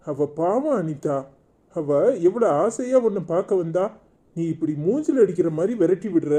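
A man's voice: high voice, animated, normal speed, dark tone, slightly rough. A man with a Kanyakumari Tamil accent voicing a pleading, exasperated husband in a cartoon. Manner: pleading, reproachful. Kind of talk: cartoon voice acting.

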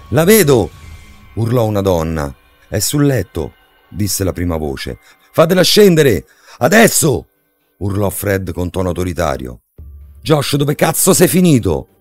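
A man narrating an audiobook in a measured, dramatic storytelling manner. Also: a bass voice, darkish tone. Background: faint background music.

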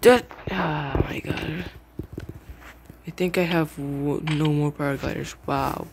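A young man giving casual gameplay commentary, muttering to himself and repeating words rapidly in tense moments. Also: a little high, steady tone, creaky. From English-speaking country with its own slang. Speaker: gamer. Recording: noisy home mic.

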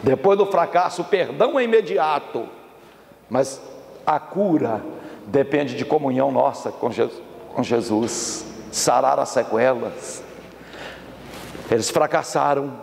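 A man's voice: mid-range voice, a little slow, gravelly, pauses often, a little mellow, roomy sound, in a large hall, slight background noise. A man preaching a sermon in church, impassioned and acting out scripture scenes. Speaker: pastor.

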